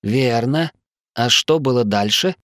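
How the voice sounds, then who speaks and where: A man voicing Lars, a Dutch man who pleads with and calmly reasons with a friend. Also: mid-range voice, slow pace, no room sound, studio quality, pitched above the performer's own voice. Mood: coaxing.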